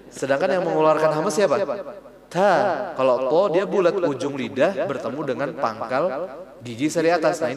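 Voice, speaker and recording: A male Quran recitation teacher giving a relaxed lesson, repeating syllables slowly to demonstrate sounds, recorded in a mosque hall. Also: on the high side.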